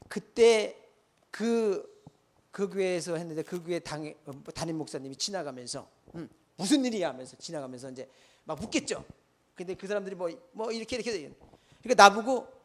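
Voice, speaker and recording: Male pastor, high and lively voice, dramatic sermon storytelling with sudden loud and soft turns. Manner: animated storytelling, swings between loud and soft.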